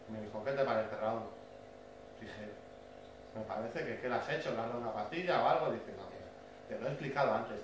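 A man from telling a story to his viewers in a casual, chatty way, tagging many lines with a quick question. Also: fairly high pitch, far from the mic. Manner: chatty, frequent "¿vale?" tag questions. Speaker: bird keeper vlogger. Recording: very echoey room, voice off-mic, faint hiss.

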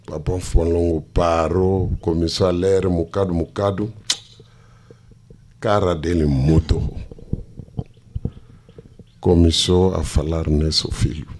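Male preacher, deep voice, slow dramatic sermon delivery. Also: steady tone, a little hiss or hum. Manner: slow, dramatic storytelling with hushed asides. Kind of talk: storytelling sermon.

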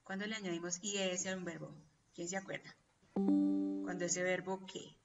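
A woman's voice: lowish voice, level tone, normal speed, music in the background. A woman teaching a class online, patiently quizzing her students over and over. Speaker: English teacher. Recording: distant, dull lo-fi call audio with faint hum.

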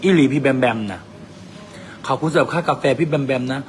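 A man's voice: mid-range voice, brisk. Teasing Isan-accented man in a noisy cafe. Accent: Isan Thai. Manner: teasing, boisterous, mixes in dialect. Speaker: vlog host. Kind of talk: casual joking banter.

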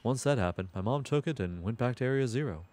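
A man's voice: mid-range voice, animated, fast, darkish tone, voice pushed down, close to an everyday voice. A man voicing a sullen, casual teenage boy in a video game, reading with a reluctant delivery. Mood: wistful, resentful.

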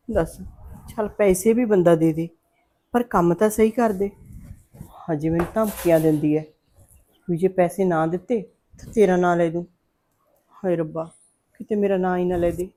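Woman doing a fretful scheming village mom, scolds her daughter, loud when she calls out. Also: fairly low pitch, lightly acted. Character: scheming middle-aged village mother, worried and sharp-tongued. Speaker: mother. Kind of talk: family drama acting.

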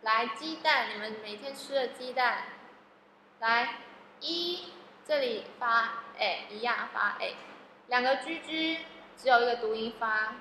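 Slow, echoey woman teaching phonics. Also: fairly high pitch, sharp tone, a little hiss or hum. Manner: slow, drawn-out sounding of words, repeating each one. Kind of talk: classroom phonics lesson. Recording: echoey room with long reverb.

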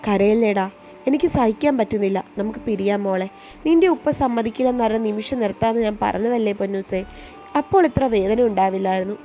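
A woman voicing a gentle young man who tenderly soothes his beloved over the phone. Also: medium pitch, fast talker, soft background music, natural voice. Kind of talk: storytelling voice acting.

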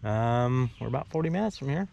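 A man's voice: mid-range voice, expressive, a little fast, creaky, darkish tone, highs cut off. A man in his fifties making laid-back, brief remarks while hiking, recorded on a handheld camera outdoors. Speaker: RV travel vlogger. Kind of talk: casual chat while hiking. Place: outdoors on a forest trail.

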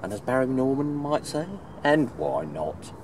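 A man's voice: mid-range voice, normal speed, poor audio. A man, chatting casually to camera about his fishing trips. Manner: chatty, relaxed updates with fishing terms. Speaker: angling vlogger and teacher. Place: outdoors by a lake. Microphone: camera mic at arm's length. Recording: outdoor noise behind voice.

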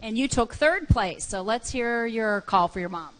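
A woman's voice: fairly high pitch, animated, normal speed. A woman hosting a live outdoor stage event, interviewing children into a handheld microphone. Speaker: event host.

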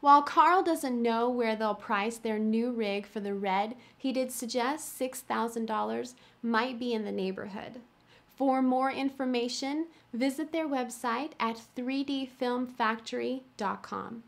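A woman's voice: a little high, a little slow, creaky. A young woman hosting, reading a polished news-style script. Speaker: show host.

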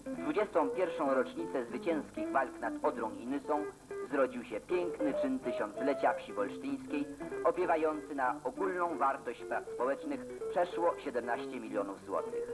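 A man's voice: mid-range voice, low-quality recording. A man reading scripted narration for an old newsreel in a formal, declamatory way. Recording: narration over loud guitar music.

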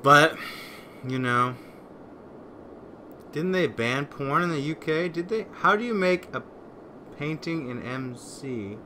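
A man's voice: on the high side, lively intonation, takes it slowly, long pauses, sharp tone, a little hiss or hum. A man streaming a city-building game, chatting casually, rambling, swearing and answering his chat.

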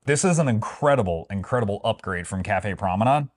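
His voice sits fairly low and moves briskly, with plenty of expression. The man co-hosts a travel vlog, casually reviewing things and giving his views in a wry, playful manner punctuated by exaggerated grandeur.

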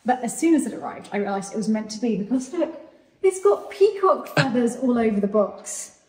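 An English woman with a fairly high, darkish voice chats enthusiastically to her phone camera, held at arm's length, while working in a large bathroom. Her casual vlog narration is very animated and brisk.

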